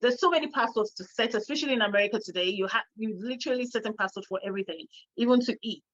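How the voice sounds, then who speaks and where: A woman's voice: medium pitch, very fast, fairly bright tone. Chatty middle-aged woman, lo-fi sound. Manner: chatty storyteller, laughs often. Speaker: co-host. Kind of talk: casual chat.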